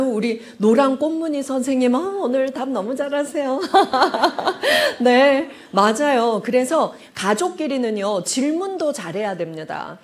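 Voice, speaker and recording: A woman's voice: a little high, a little mellow. A woman giving a counseling lecture to a live audience in a library hall. She leads listeners in repeating phrases and acts out bits of family dialogue. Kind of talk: public talk-show lecture.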